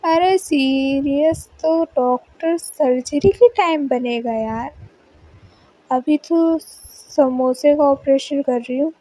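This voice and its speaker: Riya, a sassy Haryanvi college girl voiced by a woman, teasing in slow, stretched-out lines with a high, mellow tone. It is a storybook reading, and the speech stays unhurried and playful. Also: dry recording, low-quality recording.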